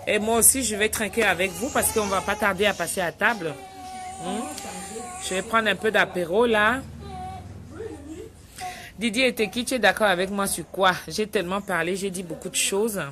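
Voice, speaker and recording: A middle-aged woman from Cameroon hosting a casual live stream, chatting warmly with viewers and greeting them by name. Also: medium pitch, moderate pace, pauses often, faint music behind. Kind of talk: casual live chat reading viewer comments.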